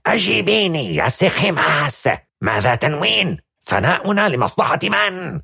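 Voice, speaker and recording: Man doing a husky, agitated spy officer. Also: on the high side, big pitch swings, normal speed, bright, forceful tone, no room sound, studio quality, pitched above the performer's own voice, full character voice. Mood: furious. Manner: pleading, indignant outbursts. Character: agitated male intelligence officer, impatient and scheming. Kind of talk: audiobook character voice.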